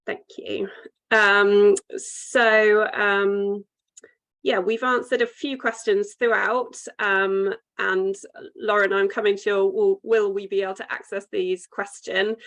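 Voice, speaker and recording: A woman's voice: medium pitch, gravelly, fairly bright tone. A woman with a British accent presenting on an online call in a polite, businesslike conference-call manner. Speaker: webinar presenter. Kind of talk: online sales presentation with questions.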